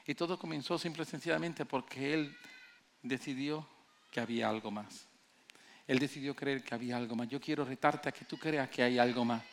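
A man's voice: mid-range voice, a little fast, slight background noise. A man preaching a sermon with passion, telling stories and acting out the people in them. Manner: impassioned preaching, rising to near shouts; acts out quoted voices in storytelling. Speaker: pastor.

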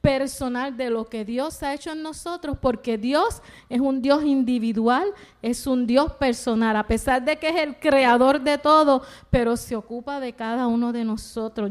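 Middle-aged woman preacher, high-pitched, earnest testimony style. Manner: earnest, testimony-driven, acts out quoted dialogue. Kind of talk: sermon.

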